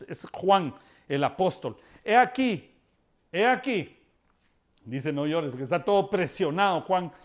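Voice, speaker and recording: A man preaching a sermon as pastor, with dramatic swings from loud declarations to a soft, hushed prayer. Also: high-pitched.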